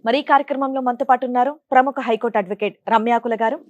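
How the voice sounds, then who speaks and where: A woman hosting a talk show, welcoming guests politely and briskly. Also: a little high, fairly even intonation, no echo, dull audio. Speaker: show host. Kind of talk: scripted welcome and interview.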